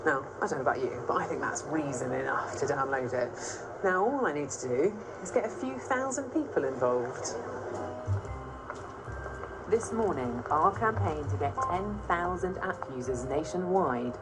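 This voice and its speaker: A British woman narrates a documentary, her voice sitting a little low and her delivery steady and explanatory. Clear, measured phrasing carries over a strong music bed. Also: poor audio. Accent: British English. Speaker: documentary presenter.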